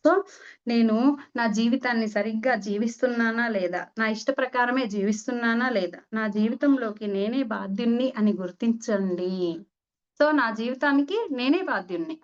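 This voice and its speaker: A woman with a somewhat high voice leads a spiritual talk as a meditation teacher. She speaks conversationally and slips into short acted exchanges. The recording sounds dull and lo-fi. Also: normal speed. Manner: conversational, acts out little dialogues.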